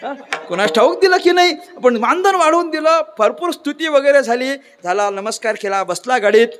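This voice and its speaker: Speaking at an ordinary pace, a Maharashtrian kirtan preacher tells his devotional sermon with lively storytelling, peppering the audience with rhetorical questions. His unusually high male voice echoes in a long, ringing hall.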